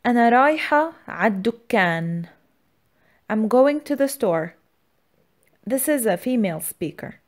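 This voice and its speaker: A woman's voice: on the high side, expressive, normal speed, long pauses. A woman hosting a scripted language lesson, enunciating words and phrases in an instructional way. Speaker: language teacher, channel host.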